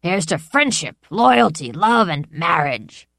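A woman's voice: big pitch swings, slow, gravelly, dry recording, studio quality, heavily acted. A woman voicing a bellowing, overbearing old grandfather lord with brassy, jeering laughter in his voice. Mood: boisterous. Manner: booming and jeering.

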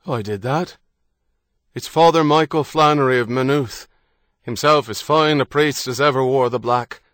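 A man voicing a bold, cheerful Irish trickster with an Irish accent who calls out loudly and heartily. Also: mid-range voice, moderate pace, no room sound, clean studio sound, pitched above the performer's own voice, close to an everyday voice. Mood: hearty. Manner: loud, hearty calling out.

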